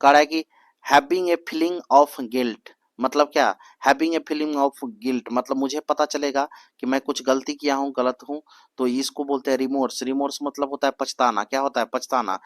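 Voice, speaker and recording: A young man teaches an exam-prep lesson. He repeats each answer several times, asks "what is it called?" after each one, and reads English prompts slowly word by word. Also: mid-range voice, fairly even intonation, no room sound.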